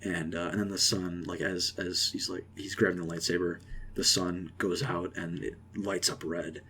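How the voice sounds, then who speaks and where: A young man casually rambling through an excited movie reaction, with lots of fillers and restarts. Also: deep voice, normal speed, creaky, a little hiss or hum. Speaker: vlogger.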